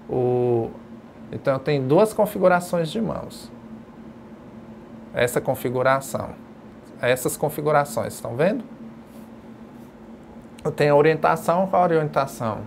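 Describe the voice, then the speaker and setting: Creaky-voiced patient sign language teacher. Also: medium pitch, a little hiss or hum. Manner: patient, explanatory, demonstrating step by step. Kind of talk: recorded distance-learning lecture. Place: educational video studio.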